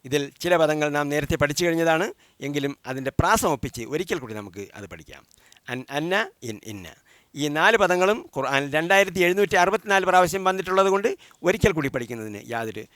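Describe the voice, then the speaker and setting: A man's voice: fairly high pitch, expressive, fast, fairly bright tone, no echo. A man teaching a recorded language lesson, who drills each word form and gives its meaning, then asks listeners to repeat after him. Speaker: Quran Arabic teacher.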